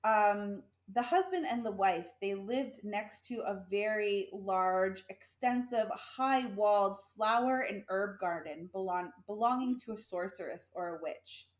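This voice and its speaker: A woman's voice: medium pitch, a little slow, few pauses, reverberant. A pregnant woman co-hosting a podcast, casually retelling a fairy tale in a chatty, giggly way and correcting herself as she goes. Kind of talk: casual chat.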